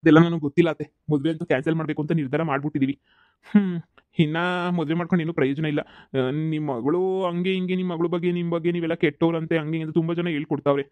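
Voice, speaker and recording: Man voicing a stubborn young groom, insistent, fast-talking, slightly high voice. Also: fairly even intonation, dry recording, phone-quality sound, lightly acted. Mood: stubborn, fed up. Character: stubborn young groom calling off his wedding.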